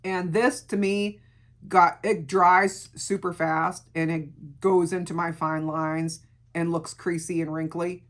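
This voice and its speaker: A middle-aged woman with a gravelly voice, chatting casually through a beauty product review and repeating words for emphasis. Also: lowish voice, little pitch movement, takes it slowly. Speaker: beauty vlogger.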